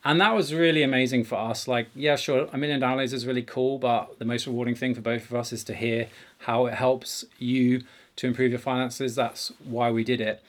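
A man's voice: medium pitch, flat delivery, brisk. Male podcast host talking in a garage. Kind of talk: conversational podcast presenting. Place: home garage.

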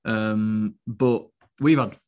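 Man, lowish voice, even delivery, hesitant fillers, podcast co-host chat. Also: very slow. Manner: steady, not very animated, hesitant with fillers.

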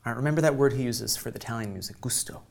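A man giving a music lecture, speaking thoughtfully with frequent ums and pauses mid-phrase. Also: medium pitch, creaky, darkish tone. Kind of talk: lecture on baroque keyboard music.

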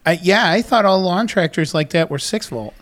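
A man's voice: high-pitched, expressive, normal speed, fairly bright tone. A man co-hosting a show in casual chat, with wry, joking storytelling. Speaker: podcast co-host.

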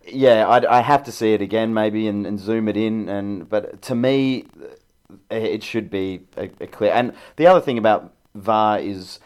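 A man's voice: lowish voice, measured pace, darkish tone, clean tone. A man as a podcast co-host, arguing heatedly about football refereeing and swearing as he rants. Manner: heated, argumentative ranting with swearing. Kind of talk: casual football chat.

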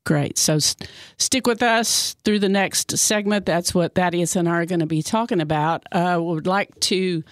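A woman's voice: lowish voice, moderate pace, few pauses, dry recording. A woman, hosting a radio talk show in a chatty, bubbly manner with many fillers. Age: 60s. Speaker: radio host. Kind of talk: casual radio chat. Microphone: studio mic. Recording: dry studio sound.

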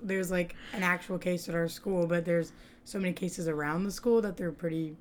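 A woman's voice: lowish voice, steady tone, moderate pace, slight background noise. A young woman, a student, guesting on a casual podcast and telling stories with lots of laughs. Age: young adult. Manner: giggly, chatty storytelling. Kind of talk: casual chat.

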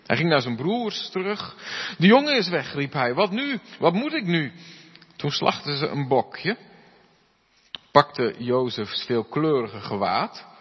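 A pastor reads Scripture and preaches in a husky voice, giving the quoted lines an expressive turn. The recording is dull and muffled, and his voice trails off into the long reverb of a church hall. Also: medium pitch. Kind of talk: Bible reading and sermon.

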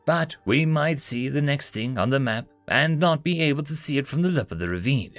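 A man's voice: medium pitch, lively intonation, moderate pace, no echo, soft background music, lightly acted. A man voicing a blunt young female adventurer who speaks in a dry, clipped way. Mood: wry.

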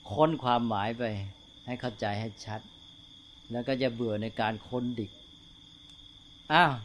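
In a slow talk to other monks, an older male Buddhist monk takes his time and keeps checking in through tag questions. A bit of hiss or hum is audible behind his mid-range, fairly evenly intoned voice.

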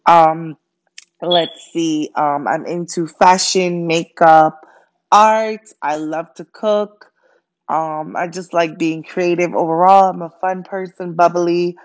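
The voice is low and darkish, captured in dull audio. It belongs to a young woman from Jamaica, raised in Brooklyn, who hosts her first solo podcast in a casual monologue, friendly and chatty with a Jamaican accent and plenty of fillers.

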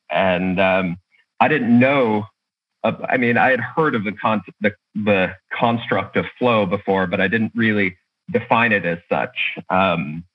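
A man's voice: lowish voice, muffled recording. A man speaking as a podcast guest, casually telling his own story over a remote call.

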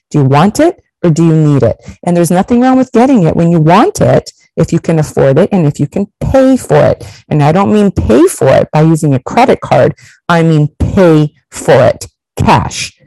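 Speaking directly to viewers, a middle-aged woman from Portugal who vlogs delivers a frank advice monologue with blunt stresses and the occasional curse. Her voice is warm, mellow and low, and the close-miked recording is dry and low-quality with no room sound.

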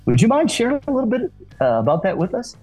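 A man's voice: very high voice, big pitch swings, quick pace, a little mellow, slightly rough, faint music behind. A man hosting a podcast, giving earnest, friendly introductions and welcoming his guest. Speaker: podcast host.

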